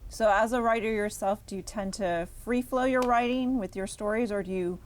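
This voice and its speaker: A woman's voice: medium pitch, normal speed, a little hiss or hum. A woman interviewing an author, asking questions and encouraging him with short affirmations.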